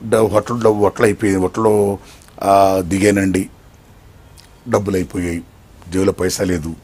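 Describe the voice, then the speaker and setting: An older man as an interview guest, telling his life story in an animated way, swinging between loud excitement and hushed tones. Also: deep voice, moderate pace.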